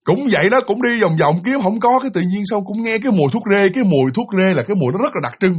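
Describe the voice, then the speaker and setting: A man's voice: high-pitched, animated, fast, slightly rough. A man telling a ghost story in a chatty way, speaking straight to his listeners. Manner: chatty, addresses listeners directly. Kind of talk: casual spoken ghost story.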